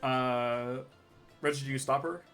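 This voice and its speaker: A man's voice: mid-range voice, steady tone, measured pace, a bit bright, smooth. A man narrating a tabletop role-playing game as game master in a casual, conversational, improvised way. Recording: faint music behind the voice.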